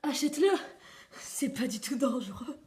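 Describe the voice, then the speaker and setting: A woman's voice: normal speed, noisy background, close to an everyday voice. A woman putting on the voice of a pushy male salesman in a spoof TV commercial. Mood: salesy. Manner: mock-commercial sales pitch.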